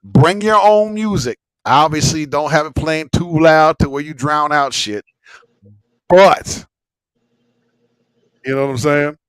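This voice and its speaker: A man's voice: a little high, takes it slowly, pauses often, a bit bright, smooth, dry recording, low-quality recording. Rambling, slangy man hosting, dry close sound. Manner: rambling and repetitive, frequent swearing, slangy. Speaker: host of a live smoke-session stream. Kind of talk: casual livestream chat.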